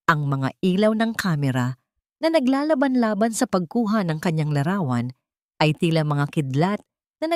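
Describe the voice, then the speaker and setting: Reading a scripted dramatic story as narrator, a Filipino-accented woman speaks at a fairly low pitch with a slightly mellow quality. The sound is clean studio audio without any room sound.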